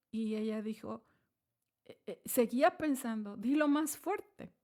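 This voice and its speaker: A woman's voice: fairly high pitch, darkish tone. A woman giving a devotional talk to other women, earnest and pleading, often calling her listener sister. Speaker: women's ministry speaker. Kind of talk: devotional teaching.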